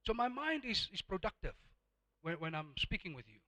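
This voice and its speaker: Speaking with a South African accent shaped by his native Afrikaans, a preacher delivers an emphatic sermon, repeating words and alternating between quiet and loud passages. His voice is high, sing-song and brisk.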